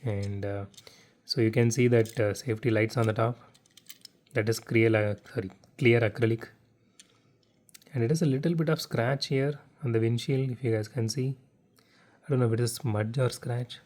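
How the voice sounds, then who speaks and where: Halting man. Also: medium pitch, steady tone, a little mellow. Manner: halting, stuttering with restarts. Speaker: diecast model car unboxing channel host. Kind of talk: casual unboxing vlog. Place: home living room without air conditioning.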